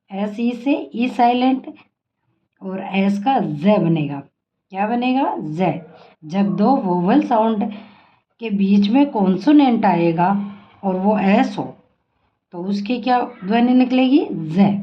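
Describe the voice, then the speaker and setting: A woman teaching an English phonics lesson, spelling words out letter by letter and asking drill questions, slow and patient. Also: fairly high pitch, dull audio. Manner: asks and answers her own drill questions.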